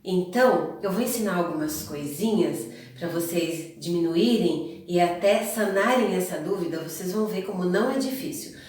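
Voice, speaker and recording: A woman's voice: lowish voice, lively intonation, moderate pace, hardly any pauses, a little mellow. Female teacher, explanatory classroom delivery, recorded from a distance in a very echoey room. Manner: explanatory, repeats points, addresses students directly. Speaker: Portuguese teacher. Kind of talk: grammar lesson to students.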